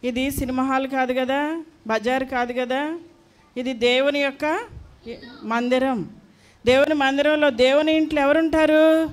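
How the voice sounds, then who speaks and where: A woman's voice: high voice, fairly even intonation, a little slow, long pauses. A woman teaching a class of young children at a church school, firm and coaxing, repeating her commands.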